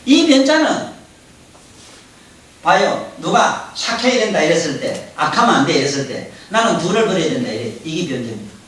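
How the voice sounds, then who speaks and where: A high-pitched man with a delivers a Buddhist dharma talk, firing rhetorical questions at his listeners. He is recorded from far off in a very echoey hall, with faint hiss underneath. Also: normal speed. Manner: animated, rhetorical questions, addresses listeners directly. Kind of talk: Buddhist sermon lecture.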